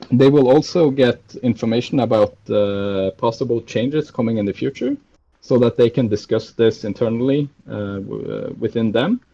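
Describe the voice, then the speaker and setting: Man, mid pitch, mellow dark tone, hesitant delivery with many fillers, dull lo-fi voice chat. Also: vocal fry. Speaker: server staff member. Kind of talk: casual voice chat Q&A.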